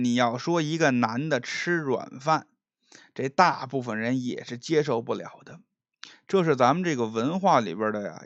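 A man's voice: fairly high pitch, no room sound, muffled recording. A man telling a traditional story, with chatty asides to his listeners and characters voiced as he goes.

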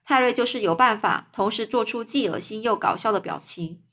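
Bright-voiced woman reading a story aloud. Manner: pauses to explain words in simple terms; voices the quoted characters with raised pitch. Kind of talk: read-aloud storytelling with explanations for children.

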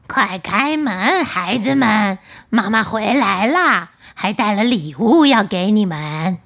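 A woman voicing a gruff male wolf who pretends to be the mother goat, in a hoarse, rough voice, slow and coaxing. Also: mid-range voice, expressive, a bit bright, voice pushed down, full character voice. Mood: falsely coaxing.

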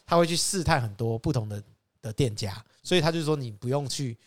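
A man with a Taiwanese Mandarin accent, a used car dealer telling stories in an animated, casual chat. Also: fairly quick. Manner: animated, acts out customers and his father with rising pitch and laughter.

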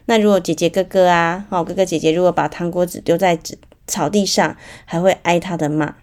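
A woman's voice: lowish voice, steady tone, a little fast, darkish tone. Woman, Taiwanese Mandarin accent, chatty parenting podcast host, story-driven and filler-heavy.

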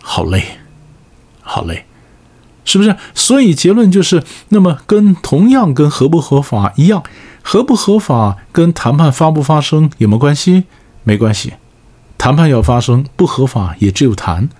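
A man's voice: fairly high pitch, very animated, moderate pace, darkish tone, husky. A man with a Taiwanese Mandarin accent giving a spoken lecture on negotiation, often asking the listener rhetorical check-in questions.

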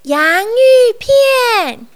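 A woman's voice: high voice, expressive, takes it slowly, a bit bright, no echo, pitched above the performer's own voice, heavily acted. A woman putting on a timid little storybook man. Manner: small, strained, pleading. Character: timid soft-spoken small man, easily frightened.

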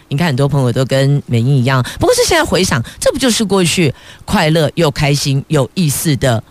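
A woman's voice: deep voice, dry recording. A middle-aged woman with a Taiwanese Mandarin accent, a radio news host reading headlines and adding chatty, playful asides to listeners.

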